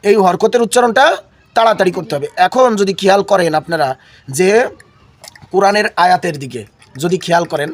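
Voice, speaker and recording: A man's voice: high voice, fairly quick, long pauses. A man teaching a Quran reading lesson while unwell. He repeats key words and has his listeners echo them back. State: unwell, coughing. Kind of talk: classroom lesson with call and response.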